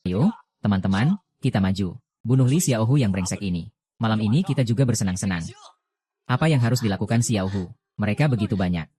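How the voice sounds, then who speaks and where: A man with a fairly low voice reads out a drama recap. He gives every character the same even, plain read-aloud delivery. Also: brisk. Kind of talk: reading all parts of a dubbed drama recap.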